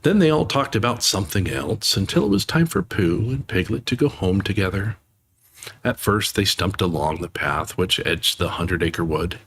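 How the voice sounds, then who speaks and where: A man hosting a livestream, reading a children's storybook aloud in a gentle, softly spoken voice with chatty asides, on a close microphone. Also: deep voice, animated, normal speed, slightly rough. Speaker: livestream host.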